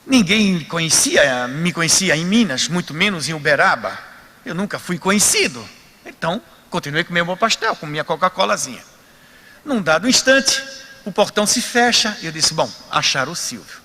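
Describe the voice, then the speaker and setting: A man tells a spiritist story in a high, bright, ringing voice. He is theatrical, dropping to a near hush and then rising loud again. His voice carries a long reverb, as if it were recorded in a hall. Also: big pitch swings, moderate pace. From Recife, Brazil. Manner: vivid, theatrical, shifting between hushed and loud. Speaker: spiritist speaker. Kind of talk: dramatic storytelling lecture.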